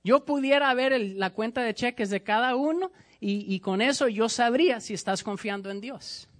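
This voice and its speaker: A man's voice: extremely high pitch, moderate pace. Emphatic male pastor preaching. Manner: emphatic, repetitive, direct to the congregation. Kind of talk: sermon.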